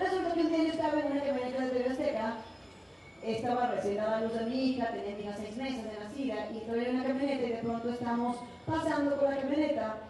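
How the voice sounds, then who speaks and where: A Mexican woman in her thirties giving a talk at a university, telling a story and acting out the scene. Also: sits high. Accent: Mexican Spanish. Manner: lively storytelling, acts out the scene. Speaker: speaker. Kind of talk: conference talk. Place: university auditorium. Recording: very echoey hall, distant mic, faint noise.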